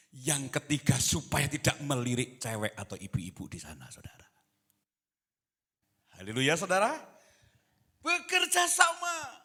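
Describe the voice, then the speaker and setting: A man preaching a sermon in church, moving between quiet talk and loud, impassioned exhortation. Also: fairly low pitch, husky. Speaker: pastor. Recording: reverberant church hall.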